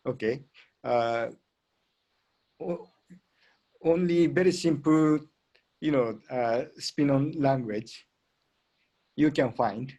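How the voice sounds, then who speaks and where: A man giving a physics lecture and taking questions, speaking haltingly and filling gaps with "you know" and "uh". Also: mid-range voice, a little mellow.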